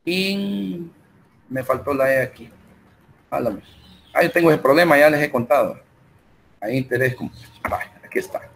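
A man's voice: mid-range voice, vocal fry, a little hiss or hum. A man with a Salvadoran Spanish accent teaching an online math class, walking through calculations and a spreadsheet step by step with frequent fillers. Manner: talks slowly while working through numbers and software, with many fillers.

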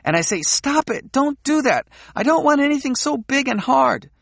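A man's voice: very high-pitched, normal speed, vocal fry, dry recording, studio quality, voice pushed up, full character voice. A man reading an audiobook, voicing a frank, playful young woman who teases and provokes. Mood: dreamy, playful. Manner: teasing, provocative, animated.

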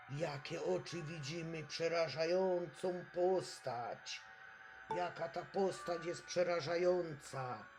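Gravelly man, very slow delivery, theatrical horror-game commentary over loud game music. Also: on the high side. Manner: theatrical, exclamatory, full of gasps and rhetorical questions. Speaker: gameplay commentator.

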